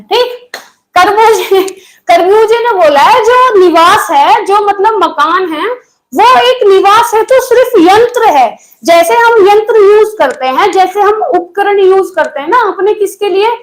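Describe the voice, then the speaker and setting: A woman's voice: extremely high pitch, low-quality recording. A woman teaching a live online exam-prep class, who repeats key phrases and keeps quizzing her students with questions.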